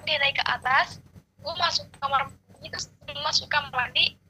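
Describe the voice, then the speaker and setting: A young woman tells a story in loose, animated slang and swears as she goes. Her voice sits high and sounds bright and tense. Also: a little fast, slight background noise, poor audio. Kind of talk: casual chat.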